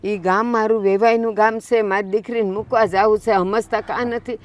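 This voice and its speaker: A woman's voice: medium pitch, steady tone, fairly quick, close to an everyday voice. A woman playing a pleading elderly village mother. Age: older. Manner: pleading, urging others to speak quietly.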